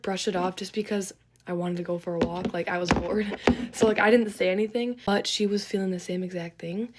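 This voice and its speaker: A woman's voice: mid-range voice, noisy background. Chatty woman rambling through a story. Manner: chatty, rambling, lots of filler "like". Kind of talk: casual storytime.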